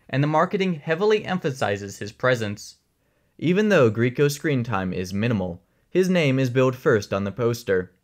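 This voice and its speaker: A man giving scripted documentary narration in an even, dry, analytical tone. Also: mid-range voice.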